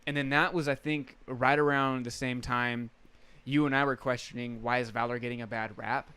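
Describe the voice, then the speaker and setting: A young man chats casually on a podcast and drifts easily into anecdotes. His voice is smooth and clear, with an even middle pitch. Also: moderate pace, no echo. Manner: storytelling, easygoing, laughs often. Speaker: podcast co-host. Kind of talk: casual chat.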